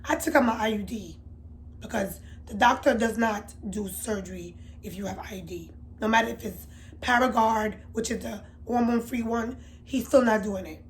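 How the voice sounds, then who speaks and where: A woman telling a candid storytime to her viewers, chatty and confiding, swinging from loud emphatic bursts to low murmurs. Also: moderate pace, a little hiss or hum. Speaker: beauty vlogger. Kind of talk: storytime vlog.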